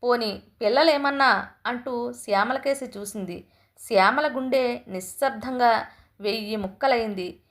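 A woman narrating a short story in a steady, measured reading voice. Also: a little high.

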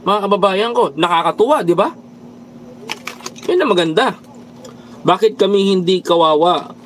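This is a high, animated male voice at a moderate pace, heard through poor audio with a little hiss or hum. A man from the Philippines does casual political commentary on a livestream, preachily reading comments, slipping in English and calling viewers brothers and countrymen.

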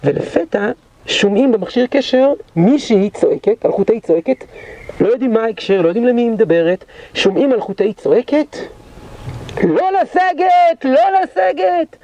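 A man leading a guided history tour, telling battle stories dramatically and acting out the shouts of those involved. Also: high-pitched, expressive. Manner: dramatic storyteller, acts out quoted shouts. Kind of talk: guided tour storytelling lecture. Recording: dull lo-fi recording.

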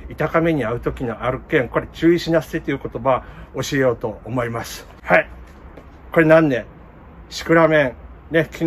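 A man's voice: mid-range voice, a little hiss or hum. A middle-aged man with a Kumamoto dialect, chatting casually in a plant vlog and laughing at himself. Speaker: plant shop owner.

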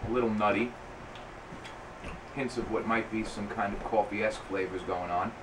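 A man's voice: on the low side, steady tone. Man musing with a cigar in his mouth. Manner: slow, musing, thinking aloud. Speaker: cigar reviewer. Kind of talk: casual solo review. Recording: distant mic with air conditioning hum.

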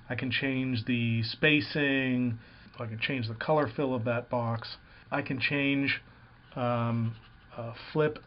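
Recorded at a desktop computer with dull, lo-fi sound, a man presents a software tutorial as a plain, step-by-step explanation. He speaks at a typical middle pitch and fills his frequent pauses with "uh" and "um."

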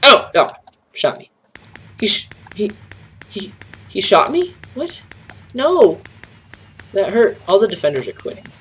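A young man with a stuffy, nasal voice casually commentating a game, joking around and shouting bursts of excitement at the action. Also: sits high, a little slow, long pauses, husky. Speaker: gameplay commentator. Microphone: home desk mic.

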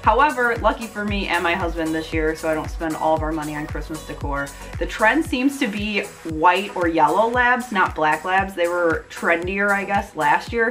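A woman in her thirties with a medium-pitched, slightly bright voice chats casually as a home decor vlogger. She gushes enthusiastically while walking through a shopping haul.

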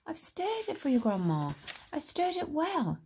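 A woman's voice: sits high, huge pitch swings, unhurried, darkish tone, slight background noise, voice pushed up, full character voice. A woman doing a meek pleading little boy. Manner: whining, pleading.

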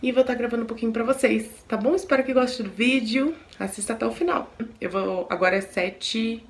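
A woman's voice: a little high, a little fast. A young Brazilian woman chatting casually to her viewers in a home vlog, speaking Portuguese with a Brazilian accent. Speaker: vlogger. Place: home, indoors.

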